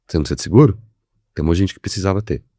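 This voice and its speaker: A man's voice: low voice, very fast, mellow, breathy edge, no echo, studio quality. A man speaking as a podcast guest in casual conversation, telling a persuasive story with acted-out dialogue. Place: podcast studio.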